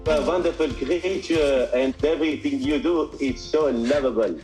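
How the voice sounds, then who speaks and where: A man's voice: on the high side, moderate pace, a little mellow, echoey room, soft background music, rough recording. A man chatting over a call, joking at his own expense with stammering restarts. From Croatia. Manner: self-mocking, stammering restarts. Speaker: basketball player.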